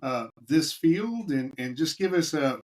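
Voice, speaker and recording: His voice runs a little high, with lively intonation and a measured pace. He's a podcast co-host making casual conversation with his fellow hosts and introducing a guest, stumbling and repeating words along the way.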